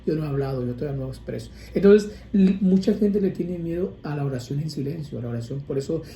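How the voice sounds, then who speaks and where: A male priest preaches about prayer in a loose, chatty way, circling back with restarts and asides. His voice is deeply mellow and warm, sitting at an ordinary pitch. The sound carries an echoey room with a faint hum of ambience behind it. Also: fast. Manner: conversational, rambling with restarts and asides. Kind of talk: informal sermon on prayer.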